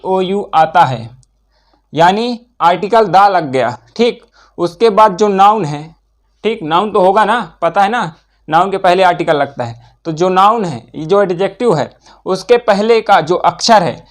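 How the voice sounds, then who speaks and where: High-voiced emphatic Hindi-accented teacher. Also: male voice. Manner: emphatic, asks and answers his own questions. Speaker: English teacher. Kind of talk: spoken English lesson.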